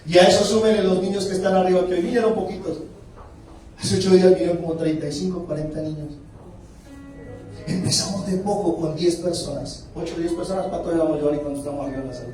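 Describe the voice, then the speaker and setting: Colombian guy preaching, pretty high voice, big echoey church, mic kinda far off. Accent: Colombian Spanish. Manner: lively preaching, rising to loud exclamations and slowing for emphasis. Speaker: pastor. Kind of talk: sermon. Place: church hall. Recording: echoey church hall, mic from afar, music underneath.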